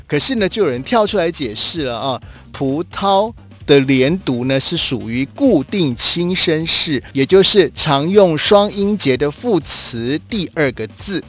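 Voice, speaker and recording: A man teaching Zhuyin pronunciation on a podcast, patiently demonstrating sounds with drawn-out particles. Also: on the high side, expressive, fairly bright tone, soft background music.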